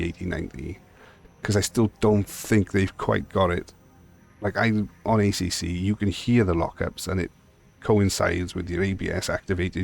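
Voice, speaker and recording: A man's voice: low voice, creaky, darkish tone. A man with a Welsh accent giving a casual, blunt and rambling walkthrough of game settings as a video host. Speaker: sim racing video host.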